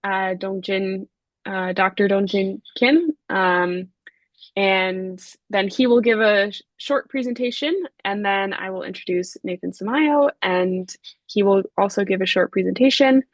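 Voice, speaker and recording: A woman moderating an online talk, introducing speakers in a measured way with frequent fillers. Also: medium pitch, no echo. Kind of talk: webinar introduction. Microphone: video call.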